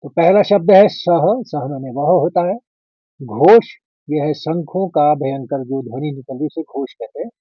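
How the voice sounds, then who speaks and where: A man teaching the pronunciation of a sacred Sanskrit verse step by step, explaining each word and then chanting the lines slowly and drawn out. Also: fairly high pitch, breathy edge, dry recording. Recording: dull, dry lo-fi sound.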